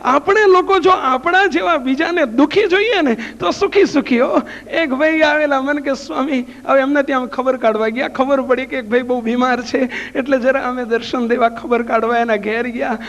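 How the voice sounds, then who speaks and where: A man's voice: very high-pitched, normal speed, fairly bright tone. A man, a monk preacher, giving a devotional sermon with folksy anecdotes, asking rhetorical questions and repeating phrases. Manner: storytelling, folksy. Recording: echoey hall, dull lo-fi sound.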